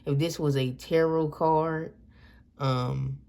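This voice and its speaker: Woman tarot reader, casual and rambling, fry in the voice. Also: deep voice, fairly even intonation, takes it slowly, mellow. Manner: rambling, repeats and corrects herself. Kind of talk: casual tarot reading to viewers.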